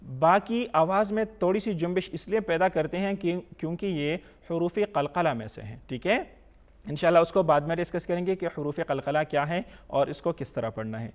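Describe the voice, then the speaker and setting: His pitch is fairly high, and his accent is Pakistani as he teaches a televised Quran reading lesson. Each letter gets patient drilling in slow, elongated recitation, with English words woven into the explanation.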